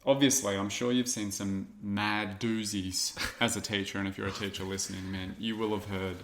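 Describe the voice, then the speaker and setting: Male co-host, young, somewhat low voice, animated storyteller who likes doing other people's voices. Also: normal speed. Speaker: podcast co-host; teacher. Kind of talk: casual chat.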